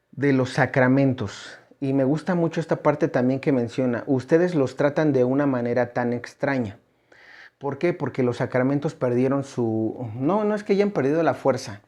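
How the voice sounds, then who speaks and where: Man, mid-pitched voice, earnest religious teacher, halting with "eh" fillers. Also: darkish tone. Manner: earnest, repeats phrases, many filler "eh" pauses.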